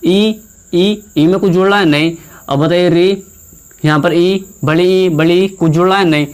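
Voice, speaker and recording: Teaching Hindi grammar, a young man with a high, clear, resonant voice keeps a steady tone. He asks his class questions, then answers them himself, repeating key terms and drawing out vowels slowly as demonstrations.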